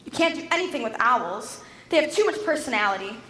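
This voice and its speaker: A woman's voice: fairly high pitch, expressive, fairly quick, fairly bright tone. A young woman acting a bossy, scatterbrained fairy who lives in a mirror, in a school stage play. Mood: brisk. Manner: bossy, theatrical. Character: brisk, vain, scatterbrained female fairy in a mirror. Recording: roomy stage hall with music.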